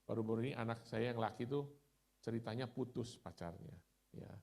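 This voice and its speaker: A man's voice: mid-range voice, a little fast, vocal fry, darkish tone. A middle-aged man from Indonesia giving a conversational sermon with chatty personal stories. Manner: storytelling, chatty, laughs at himself.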